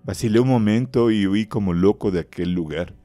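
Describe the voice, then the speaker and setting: A man narrating a horror story in a grave, measured way, close to the microphone. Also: on the low side, dark tone, no echo, faint music behind.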